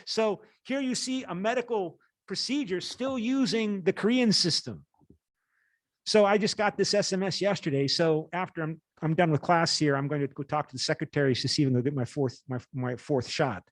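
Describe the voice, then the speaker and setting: A university lecturer in his late fifties reads aloud and explains haltingly, often rephrasing himself. His voice sits on the high side, and the recording is dry.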